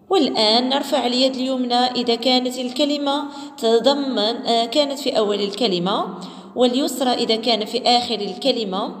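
A woman teacher leading a children's phonics lesson, saying each syllable slowly and clearly and chanting a short rhyme. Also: fairly high pitch. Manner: slow, clearly spelled-out syllables and sing-song chanting. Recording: echoey room with long reverb.

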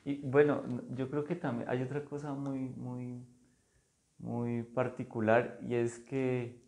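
Slow, gravelly-voiced man. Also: mid-range voice, flat delivery, a little mellow. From Colombia. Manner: slow, thoughtful, halting with many fillers. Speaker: artist. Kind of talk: casual conversation about art. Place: artist's studio.

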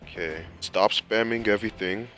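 A man's voice: lowish voice, normal speed, fairly bright tone. A young man giving casual, rambling gameplay commentary as a channel host, exasperated and slangy. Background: faint game music.

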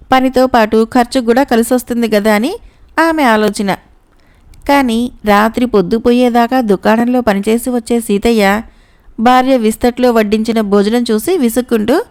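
A woman's voice: a little high, a little mellow, clean tone. A woman narrating a folk tale expressively as a storyteller.

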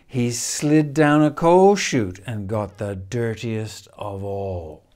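An older man reads a children's picture book expressively, with measured phrasing and dramatic pauses. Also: fairly low pitch, darkish tone. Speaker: storyteller reading a picture book. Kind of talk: expressive children's storybook reading. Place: indoors, room in a house with stone wall.

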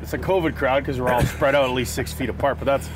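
A man's voice: mid-range voice, fairly even intonation, over music, poor audio. A man hosting a fishing show, teasing and joking in casual banter out on a boat. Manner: joking, teasing, quick laughs. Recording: boat and water noise behind.

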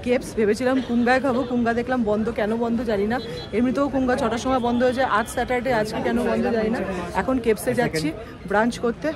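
A woman's voice: on the high side, steady tone, quick pace, crowd noise. A woman travel vlogger from India chatting with viewers and guiding them around, with music playing behind her. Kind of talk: travel vlog, voice-over and on-the-spot talk. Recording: background music under the voice.

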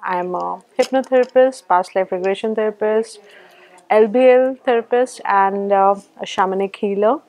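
A woman's voice: medium pitch, moderate pace, darkish tone, rough recording. A woman from India with an Indian accent, a hypnotherapist, giving an earnest testimonial.

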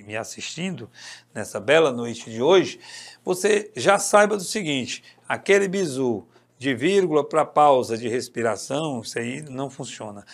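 A man from Brazil, his voice mid-range and gravelly, teaches an online exam-prep Portuguese course. His style is emphatic and repetitive, circling back to key points and regularly asking "tá certo?" to check on his students.

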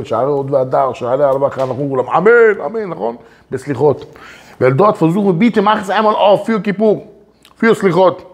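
A man giving a religious lecture, asking his listeners many questions and mixing Hebrew terms into his talk. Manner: animated, asks many questions, swings pitch up and down; mixes Hebrew terms into speech. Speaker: Torah teacher.

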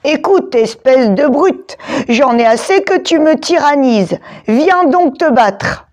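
A woman's voice: high voice, normal speed, a little mellow, pitched above the performer's own voice, close to an everyday voice. A woman voicing a small, timid boy dinosaur who is bullied, in a storybook. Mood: defiant.

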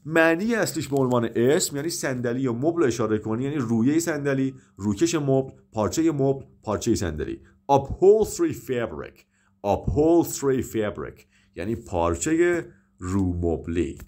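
A male English teacher whose first language is Persian works through vocabulary. His voice is dark and mellow, and his pitch swings widely as he moves between Persian explanation and slow, carefully stretched English examples. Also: big pitch swings. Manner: repeats words and stops short to correct himself. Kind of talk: vocabulary lesson with example dialogues.

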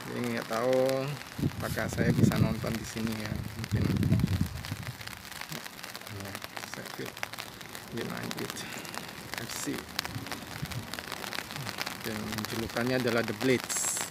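A man in his thirties walks past a stadium vlogging on a handheld phone at arm's length, musing casually and leaning on fillers. His mid-range voice is gravelly and level, slow, with long pauses. Cars and street ambience come through on the noisy outdoor recording.

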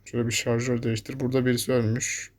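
A man's voice: medium pitch, level tone, very fast. A young man giving live gameplay commentary, talking to his viewers and cursing at the enemies that chase him. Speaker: gameplay streamer.

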